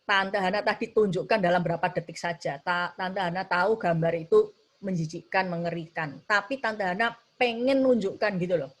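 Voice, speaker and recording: A woman teaching a children's church lesson, telling a story with lively, animated delivery and acted-out voices. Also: moderate pace. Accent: Indonesian. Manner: animated, acts out quoted voices with sudden high pitch jumps.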